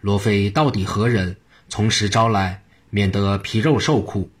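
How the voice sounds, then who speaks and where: A man voicing a stern, commanding new high judge in a told story. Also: unhurried, breathy edge. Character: stern newly appointed male high judge.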